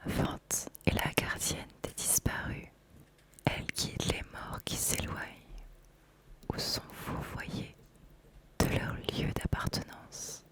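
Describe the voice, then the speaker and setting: An oracle card deck is presented in a whispered ASMR style by a woman whose gentle, steady phrasing feels thoughtfully chosen.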